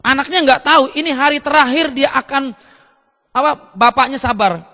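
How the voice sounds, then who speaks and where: A man preaching a seminar sermon, pitched high with a bright, forceful tone. He keeps the audience involved by asking rhetorical questions as he tells his story. Long reverb from the hall trails behind his voice. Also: moderate pace. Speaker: pastor.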